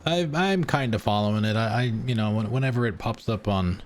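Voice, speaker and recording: A man's voice: fairly low pitch, lively intonation, brisk. A man streaming a video game, chatting casually in a rambling, hesitant way with many fillers. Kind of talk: casual gameplay chat.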